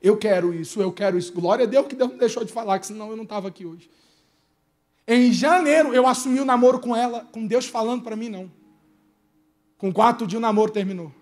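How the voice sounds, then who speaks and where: A young man giving a sermon testimony, telling his story with lively quoted dialogue and shifting loudness. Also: extremely high pitch, fast. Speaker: preacher.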